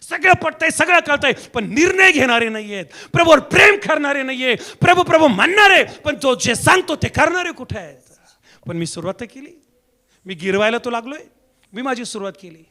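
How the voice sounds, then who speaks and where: High-pitched guy preacher, bright sharp voice, fired up, repeats lines at the church and goes from hushed to shouting. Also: lively intonation, brisk. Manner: repeats phrases in rhythmic calls to the congregation. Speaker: pastor. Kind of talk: sermon.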